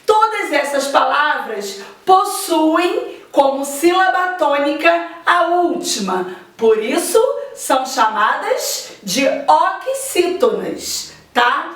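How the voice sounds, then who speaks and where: A woman teacher gives a slow, deliberate grammar lesson and stretches out her example words. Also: high-pitched, big pitch swings, fairly bright tone, distant mic. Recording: echoey room, voice off-mic.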